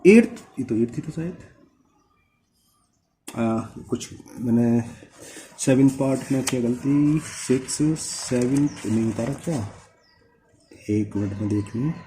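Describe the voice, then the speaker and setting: A young man teaching a whiteboard maths lesson step by step. He keeps asking the viewer quick questions and slows right down to read out formulas. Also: medium pitch, mellow, a little hiss or hum.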